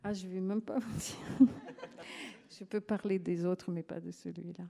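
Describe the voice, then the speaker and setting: A woman's voice: on the low side, steady tone, a little slow, creaky, mellow. A woman writer talking onstage at a live literary evening, reflective and hesitant, with many fillers and restarts. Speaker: guest writer. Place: theatre stage before an audience. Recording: live event audio capture.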